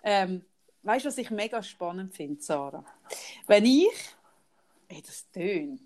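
A Swiss German woman co-hosting a podcast talks in a loose, chatty way. She teases her friend, laughs easily and jumps between topics. Her voice sits at a middle pitch. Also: expressive, takes it slowly, darkish tone. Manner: teasing, chatty, laughs often. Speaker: podcast co-host. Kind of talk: casual chat.

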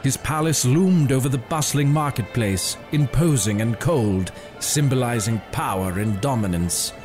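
A man reads a scripted story in a measured, dramatic way. His voice sits at an ordinary middle pitch, and faint music plays behind him. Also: lively intonation. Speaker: narrator. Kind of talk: scripted narration.

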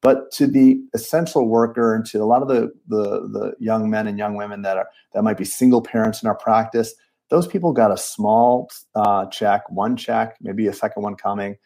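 A man in his late forties, a dentist guest talking in an animated, emphatic way on a podcast. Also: on the low side, normal speed, creaky. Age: 40s. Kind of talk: casual podcast conversation.

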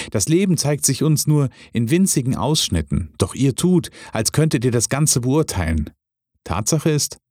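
A man voicing a calm, wise old farmer who speaks in a measured, unhurried way. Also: mid-range voice, dry recording, clean studio sound, voice pushed up, close to an everyday voice.

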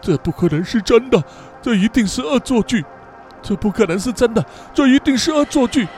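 A man voicing a bullied teenage boy who keeps insisting it is all a prank, over soft background music. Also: very high-pitched, expressive, fairly quick. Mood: denial. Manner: muttering, repeating himself, then shouting.

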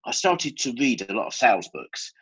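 A man's voice: mid-range voice, big pitch swings, normal speed, fairly bright tone, slightly rough, poor audio. A man with an Essex accent giving candid, explanatory answers as a guest in a conversational interview. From Essex, England. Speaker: podcast guest, business owner.

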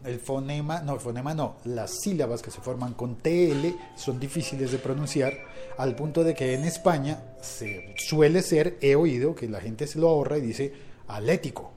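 A man's voice: medium pitch, normal speed, mellow, faint music behind. A man hosting a casual podcast, chatting and telling stories with many restarts and hesitations. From not from Mexico. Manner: rambling, frequent restarts and hesitations, playful storytelling. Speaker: podcast host.

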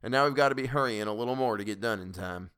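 A man voicing a brisk middle-aged official running a village lottery, formal and businesslike. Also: mid-range voice, fairly bright tone, clean tone, natural voice. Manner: brisk, formal, calling out names.

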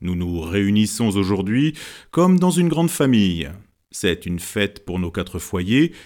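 A man voicing an emotional middle-aged man who raises slow, solemn toasts at a family banquet. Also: lowish voice, big pitch swings, a little mellow.

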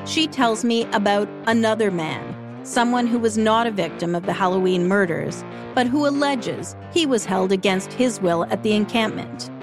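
A woman narrates a true-crime podcast in a measured, steady voice, reading from a script. Clear music plays under her. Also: medium pitch.

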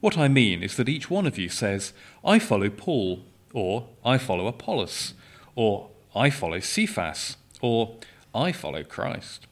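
A man giving a measured, solemn Bible reading during a church service. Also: mid-range voice, very animated. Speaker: scripture reader.

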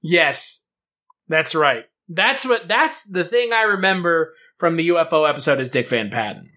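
A man's voice: a little high, expressive, moderate pace, bright, forceful tone. A man co-hosting a podcast in casual comic chat, riffing with incredulity and some swearing. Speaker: podcast co-host. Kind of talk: casual comic chat about an old TV show.

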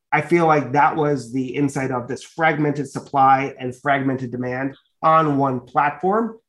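A middle-aged man, raised in a Dominican family in the United States, answering interview questions earnestly and fluently, with many "you know" fillers. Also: mid-range voice. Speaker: guest, media company executive.

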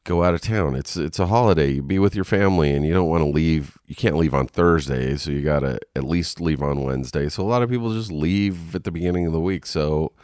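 At home, a congested man with a very deep, darkish voice hosts a casual solo podcast, rambling frankly with lots of ums and restarts. He sounds a little nasal and coughs. The recording is dry and studio quality.

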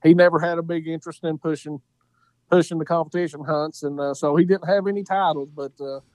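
Appalachian guy chatting on a podcast, kinda higher pitched, folksy, repeats himself for emphasis, really dry sound. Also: fairly even intonation, fairly quick, a little mellow, no echo, poor audio. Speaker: podcast guest, coon hunter. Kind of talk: casual interview storytelling.

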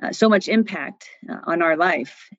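A middle-aged woman from Taiwan talks as a sleep physician guest on a podcast. Her voice sits low and she thinks aloud, with plenty of fillers and restarts. The sound is dull and dry, with no room around it. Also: normal speed, no room sound. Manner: thoughtful, with frequent fillers and restarts. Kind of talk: podcast interview.

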